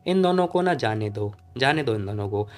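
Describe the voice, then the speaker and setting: A man's voice: medium pitch, animated, moderate pace, lightly acted. A man doing a nervous placating crime boss. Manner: placating, evasive.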